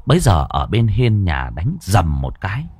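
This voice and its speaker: Male storyteller, dramatic ghost tale, dry close sound, animated delivery. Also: sits low, moderate pace, husky, no room sound. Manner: dramatic, voices the characters' lines. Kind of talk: storytelling narration.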